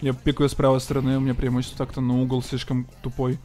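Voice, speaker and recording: Man, mid-pitched voice, game streamer, slangy, profane, excitable, casual commentary, music behind. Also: racing. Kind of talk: casual live gameplay commentary, thanking donors.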